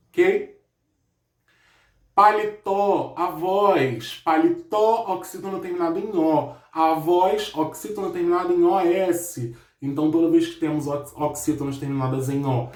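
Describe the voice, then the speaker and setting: A man's voice: a little high, darkish tone. Echoey Brazilian man teaching grammar. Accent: Brazilian Portuguese. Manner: explains step by step, often checks with "ok?"; drawls out example words slowly. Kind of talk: recorded grammar lesson. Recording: echoey room.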